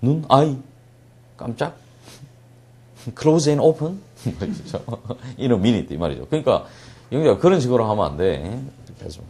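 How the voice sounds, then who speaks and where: A man gives an English reading lecture, his voice moving through a wide, lively pitch range. He reads the English text slowly and deliberately, then explains it briskly. He keeps asking questions and answering them himself. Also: breathy edge. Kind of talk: classroom lecture.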